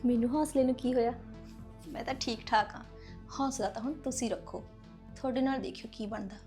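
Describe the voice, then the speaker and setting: A woman acts out a scheming young woman in a homemade drama. Her voice is high and quick, and she talks with an urgent, conniving edge. Faint music plays behind her. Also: warm tone, lightly acted. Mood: sly. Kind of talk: amateur web-drama acting.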